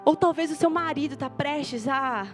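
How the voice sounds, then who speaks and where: A woman's voice: high voice, moderate pace, soft background music. A woman pastor from Brazil preaching an earnest sermon, repeating lines for emphasis and acting out prayers.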